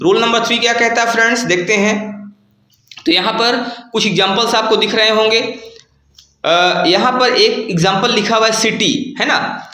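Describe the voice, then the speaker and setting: A man's voice: high voice, moderate pace, sharp tone, roomy sound. A man teaching a grammar lesson, explaining step by step and asking his students questions.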